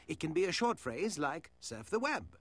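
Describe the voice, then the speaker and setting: High, animated cartoon toucan assistant. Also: male voice, moderate pace, no room sound, full character voice. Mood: helpful, instructive. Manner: instructive, polite, scripted enthusiasm. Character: cheerful big beaked toucan mascot, male. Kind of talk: scripted cartoon software assistant prompts.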